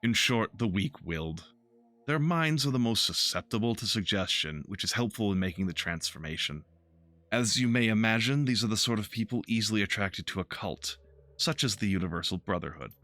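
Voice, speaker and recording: A man's voice: lowish voice, lively intonation, a little fast, bright, forceful tone, no room sound. A man voicing a theatrical, flamboyant male elf in a video game, speaking in a raised, playful, lecturing tone.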